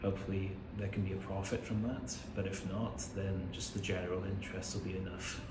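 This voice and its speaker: A man's voice: sits low, little pitch movement, brisk. A man from Swansea with a Welsh accent, speaking hesitantly and reflectively as an artist being interviewed in a cafe gallery. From Swansea, Wales. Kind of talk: informal interview answers. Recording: echoey, very noisy cafe gallery.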